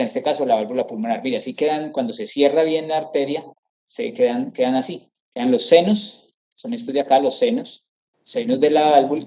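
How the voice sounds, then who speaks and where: A man's voice: mid-range voice, mellow. A middle-aged man giving an anatomy lecture over slides, explaining step by step, repeating terms and often checking with his students.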